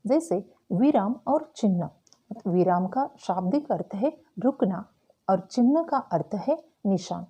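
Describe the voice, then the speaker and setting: Woman teacher explaining grammar, dark husky voice. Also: mid-range voice, animated. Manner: slow, careful explaining with frequent "tो चलो". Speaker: Hindi teacher.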